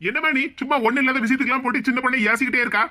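Woman doing a gentle husband in a cartoon, talks super quick, highish voice, twang. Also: steady tone. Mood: placating. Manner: placating, soothing. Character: mild-mannered young village husband. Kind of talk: cartoon voice acting.

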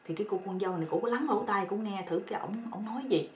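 A woman's voice: mid-range voice, rapid-fire, darkish tone. A woman telling a story in a casual, chatty way, often repeating words. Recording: roomy echo with faint noise.

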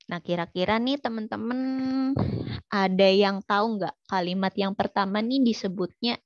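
A woman's voice: mid-range voice, normal speed, no room sound, dull audio. A woman teaching an online language lesson, quizzing her students in a chatty way with many fillers.

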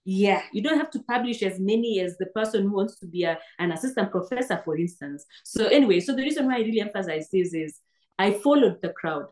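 Animated and fast, this Kenyan woman has a medium-pitched, darkish voice. She's a PhD graduate appearing as an earnest guest in a video-call interview, repeatedly restarting words. She's on a sofa in a room indoors, recorded via laptop webcam.

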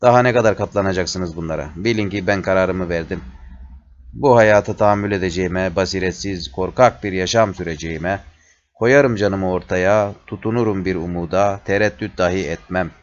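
A man's voice: low-pitched, normal speed, slight background noise, close to an everyday voice. A man reading the part of a bitter, humiliated old nobleman who speaks with indignation. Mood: indignant. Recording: dull lo-fi recording.

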